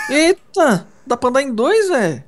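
A man with a Brazilian Portuguese accent and an extremely high, sing-song, unhurried voice chats casually while co-playing a game. Playful and exclamatory, he thinks out loud as he crafts.

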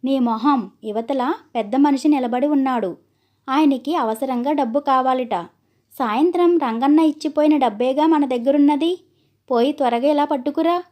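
A woman reading as a cowardly, miserly village merchant in a storybook tale, blustering and then pleading. The voice sits high and soft, mellow rather than bright. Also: moderate pace, close to an everyday voice. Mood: hushed.

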